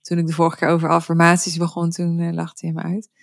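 A podcast co-host chats casually and inquisitively, retelling what she has read. Her lowish voice is monotone and fast, recorded with clean studio sound and no echo.

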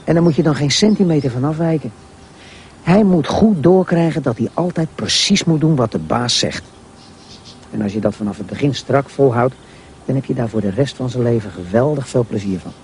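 A man voicing a calm, patient middle-aged father who explains things to his son. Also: medium pitch, brisk, a little hiss or hum, close to an everyday voice. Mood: explaining.

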